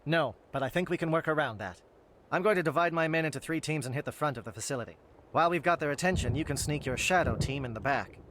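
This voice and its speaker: A man voicing a brisk alien military captain. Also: on the high side, a bit bright, a little hiss or hum, lightly acted. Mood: grave. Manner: brisk, precise and matter-of-fact. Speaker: Salarian captain planning an assault. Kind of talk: video game dialogue.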